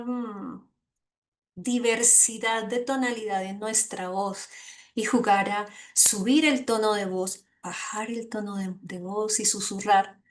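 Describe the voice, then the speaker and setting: A woman teaches an online course over a video call. Her voice sits a little high, and she talks in an earnest, gently emphatic way, checking in with her listeners as she goes. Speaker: course instructor. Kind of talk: online lecture.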